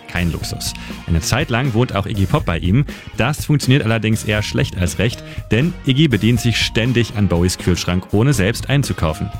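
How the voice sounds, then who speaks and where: A man narrates a scripted radio segment with a calm, informative delivery. His voice sits fairly low. A loud music bed runs under every line. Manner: steady, informative storytelling.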